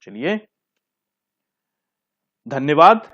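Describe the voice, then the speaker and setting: A slightly high-voiced man teaching a grammar lesson, walking through each point step by step. He asks his pupils questions and then answers them himself, repeating and rephrasing each term. The recording sounds dull and lo-fi. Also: very animated, drawn-out words.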